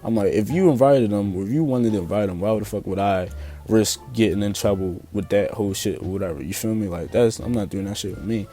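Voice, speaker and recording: A man's voice: fairly low pitch, a little fast, mellow, soft background music. Laid-back young Philly man telling stories. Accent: Philadelphia. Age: young adult. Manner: loose, profane, slangy storytelling with many fillers. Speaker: storyteller vlogger. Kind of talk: casual storytime.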